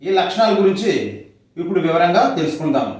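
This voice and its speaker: A man with a Telugu accent, narrating a scripted health lesson in steady, measured phrases. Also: sits high. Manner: steady, measured delivery in short listed phrases. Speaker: homeopathy health educator. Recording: very echoey, from far off the mic.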